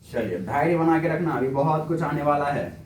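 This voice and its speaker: A man's voice: on the high side, recorded from a distance, a little hiss or hum. A man teaching a physics lecture who stretches out his words, repeats key terms and keeps quizzing his students with teasing questions. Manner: drawn-out repetitive explaining, teasing rhetorical questions to students. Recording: echoey room, voice a bit off-mic.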